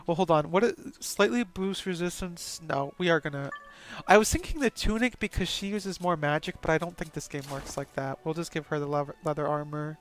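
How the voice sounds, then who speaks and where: A man's voice: a little high, fairly quick. A man hosting a let's play with casual, joking commentary and a stuffy nose, reading game dialogue aloud.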